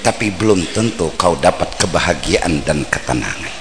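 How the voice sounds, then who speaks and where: A man with a Banjar accent preaching a mosque sermon, swinging between playful shouts and low earnest asides, heard on an old worn tape recording. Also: expressive, moderate pace, big-room sound, crowd noise.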